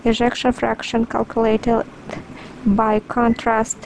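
A woman's voice: a little high, completely flat delivery, slow, vocal fry, a little mellow, a little hiss or hum, rough recording. A woman dictating a medical report as a clinician, in short matter-of-fact phrases with spoken punctuation and spelled-out words.

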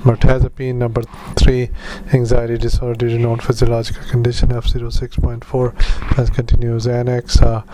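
A man speaking as a doctor doing medical dictation, in halting, clipped phrases with spoken punctuation. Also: medium pitch, completely flat delivery, noisy background. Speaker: doctor dictating clinical notes.

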